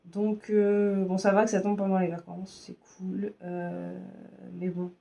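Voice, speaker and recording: A woman in her thirties from France with a sore, hoarse throat, chatting casually as a vlogger and hesitating often. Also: mid-range voice, monotone, unhurried, dark tone. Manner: hesitant, many fillers. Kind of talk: casual chat.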